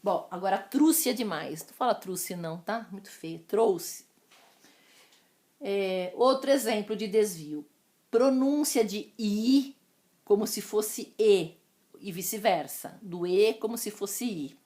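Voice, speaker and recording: A Brazilian woman teacher giving a recorded lesson, drawing out each example word slowly and calling her students "amores". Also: mid-range voice, dark tone. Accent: Brazilian Portuguese. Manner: slow, drawn-out pronunciation of example words; affectionate, addresses students as "amores".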